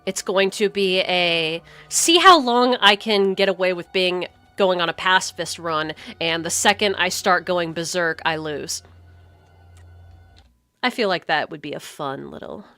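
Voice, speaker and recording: A woman's voice: lowish voice, a little slow, pushed and bright, clean tone, faint music behind. A woman streaming a video game, chatting casually and cracking sarcastic jokes. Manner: sarcastic, joking. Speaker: gaming streamer. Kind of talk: casual chat over gameplay.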